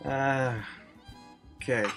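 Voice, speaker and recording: A man's voice: medium pitch, level tone, drawn-out words, vocal fry, over music. A man hosting a cooking video, walking through a recipe step by step with wry, self-deprecating jokes. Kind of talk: cooking demonstration with jokey asides.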